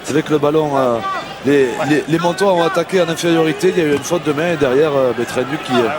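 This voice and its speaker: A fairly high-voiced man analyses a rugby match live as co-commentator. He explains the play in halting phrases, with a big stadium crowd loud behind him.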